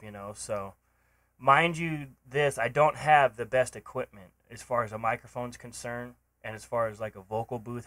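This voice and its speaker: In a home room where a computer hums along and the door stands open, a man talks his way through a home recording tutorial on a cheap microphone. His voice is mid-range and fairly bright, and he rambles casually with ums and false starts.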